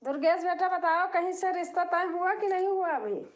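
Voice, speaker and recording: A woman's voice: very high voice, normal speed. Chatty older woman hosting a live stream. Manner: chatty, warm-hearted, breaks into folk singing. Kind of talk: casual live chat with viewers. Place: home.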